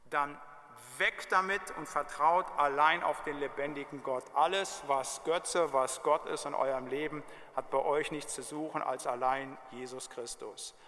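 A man's voice: fairly high pitch, steady tone, a little slow, pushed and bright, a little hiss or hum. A male pastor preaching a sermon emphatically, repeating key words and putting direct questions to the congregation. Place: church. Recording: long church reverb.

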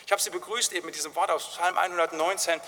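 A man's voice: high-pitched, fairly even intonation, fast, bright, forceful tone, slight background noise. A man preaching a sermon as pastor, in a chatty manner that keeps asking "nicht?" and sometimes acts out a crying baby. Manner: conversational preaching, frequent tag "nicht?". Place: church. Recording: long hall reverb.

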